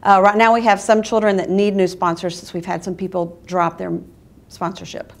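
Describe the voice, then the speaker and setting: A woman's voice: mid-range voice, little pitch movement, moderate pace. A woman in an interview earnestly explaining a children's sponsorship program.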